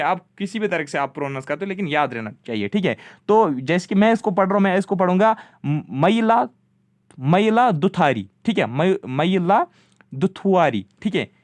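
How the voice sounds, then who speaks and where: A young man teaching an exam-prep geography lesson, mixing Hindi and English, asking himself questions and answering, often repeating "ठीक है". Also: a little high. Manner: mixes Hindi with English terms.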